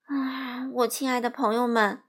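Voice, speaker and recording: A woman voicing a timid, bald little old man wizard who trembles and pleads in a hushed voice. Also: on the high side, steady tone, a little slow.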